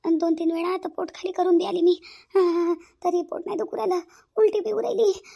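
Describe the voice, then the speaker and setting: Cartoon mother-in-law, stingy and nagging, very high, fast. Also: flat delivery, a little mellow. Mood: wailing. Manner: nagging, wailing in pain.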